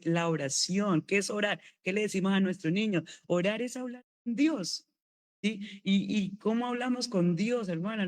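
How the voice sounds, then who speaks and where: A middle-aged woman preaching a sermon in a conversational way, often asking rhetorical questions and checking in with her listeners. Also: deep voice.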